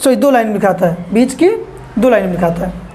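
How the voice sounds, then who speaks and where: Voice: mid-range voice, animated, fast talker, dark tone, a little hiss or hum. A woman teaching a basic English lesson to children. She explains patiently, repeats points, quizzes her listeners and keeps calling them "kids", mixing English terms into her speech.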